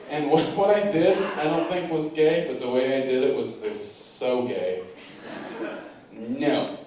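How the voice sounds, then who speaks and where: A man doing a stand-up comedy set on a theater stage, telling a story with animated delivery that bursts into loud stretches. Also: mid-range voice, normal speed, noisy background. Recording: echoey room from far off.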